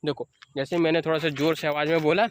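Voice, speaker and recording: Young guy vlogging his dog walk outside, a bit high voice, faint hiss behind. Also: little pitch movement, fast talker. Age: young adult. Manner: chatty, explains then calls loudly to his dog. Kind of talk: casual outdoor dog-training vlog. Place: outdoors on an evening walk by fields.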